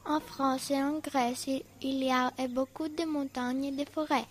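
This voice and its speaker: Student girl presenter, high voice, slow careful reading, faint noise behind. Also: fairly even intonation. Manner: careful, learner-paced reading. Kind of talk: school radio play.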